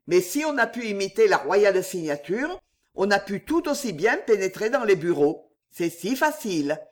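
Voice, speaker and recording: A man's voice: sits high, very animated, moderate pace. A man reading the part of a marquis who governs a prison, emphatic and agitated. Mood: suspicious. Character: suspicious, then fearful male fortress governor.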